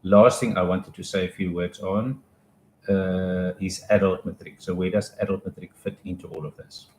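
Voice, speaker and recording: A man gives advice in a relaxed, rambling way and often backs up to restart a thought. His voice sits a little low, and the room around him rings with noticeable echo. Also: moderate pace, slight background noise. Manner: casual and explanatory, with restarts and asides. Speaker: education advisor. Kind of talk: live informational talk.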